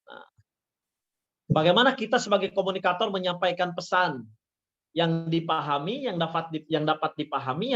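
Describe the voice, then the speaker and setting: A university lecturer gives a webinar talk through slides, repeating his phrases and leaning on fillers like "ya" and "nah." His voice is a little high with a fairly bright tone, and the webinar audio is dull and lo-fi.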